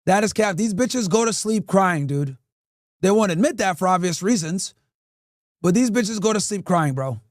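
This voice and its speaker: High-voiced man ranting with profanity. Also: expressive, moderate pace, no room sound, studio quality. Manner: crude, profane, preachy; addresses chat directly. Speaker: podcast host. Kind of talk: ranting commentary.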